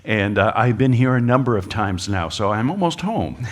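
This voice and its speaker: Speaking at a normal pace with an expressive, fairly low voice, this American presenter jokes folksily through a creationist lecture, sprinkling in many uhs. The lecture hall gives his voice a big-room sound before a live audience.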